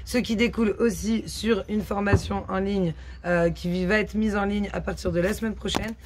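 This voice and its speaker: A woman from France who runs a horse farm, explaining her work casually, with many pauses and fillers. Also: medium pitch, steady tone, darkish tone, slight background noise.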